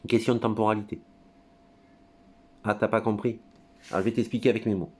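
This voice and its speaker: A commentator with a very low, darkish voice talks alone at his computer in a rambling, crude monologue. Brisk but steady in tone, he hesitates often, stumbles over fillers and drifts into tangents.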